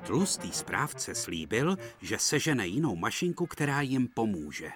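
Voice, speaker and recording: A man doing scripted storybook narration for a children's cartoon dub, reading in a lively, expressive way, with music behind. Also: mid-range voice.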